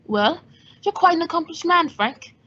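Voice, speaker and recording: In an old-time radio drama, a woman voices a suave, wisecracking male adventurer-detective, wry, cool and teasingly composed. Her very high voice is animated and a bit bright at a normal speed. The sound is dull, muffled and lo-fi.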